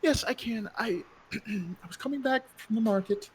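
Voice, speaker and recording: A man voicing a distraught grieving woman who speaks in a halting, shaky, soft way. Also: sits high, fairly even intonation, a little hiss or hum, pitched above the performer's own voice.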